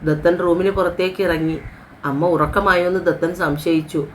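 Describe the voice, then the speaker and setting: Woman narrating a story, low voice. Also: fairly even intonation, normal speed, slight background noise.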